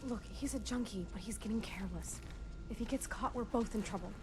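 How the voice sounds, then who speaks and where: An actress playing a tough, sharp-tongued young woman in a video game, blunt and defensive. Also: mid-range voice, fairly quick, natural voice. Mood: fed up, blunt.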